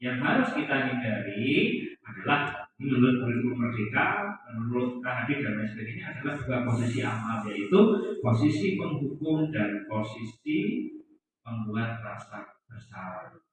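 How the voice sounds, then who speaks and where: A man's voice: medium pitch, lively intonation, moderate pace, fairly bright tone, a little hiss or hum. Male teacher in an echoey hall. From Central Java, Indonesia. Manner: explanatory, hesitant with fillers. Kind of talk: presentation on classroom discipline. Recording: echoey hall, far from mic, dull.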